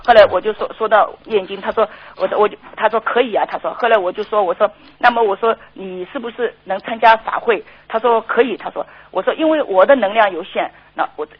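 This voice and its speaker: A woman calling in to a radio show, excitedly retelling a conversation in quoted lines. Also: mid-range voice, fast, few pauses, slightly rough. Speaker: caller. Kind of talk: radio call-in talk. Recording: lo-fi radio broadcast.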